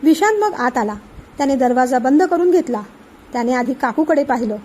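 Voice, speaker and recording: A woman narrating a family novel aloud, expressive and acting out each character. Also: sits high, fairly quick. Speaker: story narrator. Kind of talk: storytelling read-aloud.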